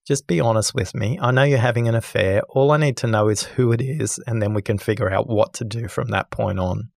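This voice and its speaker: A man who is a guest on a podcast, telling a story with lively energy and acting out the people in it. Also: medium pitch, brisk, gravelly, no echo, studio quality. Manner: lively, acts out the people in his stories. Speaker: podcast guest, listening expert. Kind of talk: animated storytelling in conversation.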